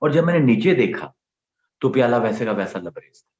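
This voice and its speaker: A man lecturing and telling a story, throwing his voice up and down as he acts out what each person says. His voice sits in a middling register. The sound is echoey and a little dull, as if taped in a big room. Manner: lively storyteller who acts out quoted lines with big pitch swings. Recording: roomy, slightly dull recording.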